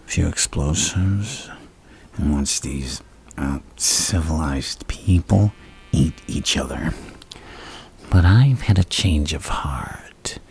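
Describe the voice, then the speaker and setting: A man playing a deranged, lovestruck supervillain in an ASMR roleplay, gravelly and breathy, halting and theatrical, often sinking into a whisper. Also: very deep voice, animated, a little mellow, heavily acted. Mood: grandiose, infatuated. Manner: halting, theatrical, menacingly courteous. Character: the Joker, deranged lovestruck male supervillain on a date.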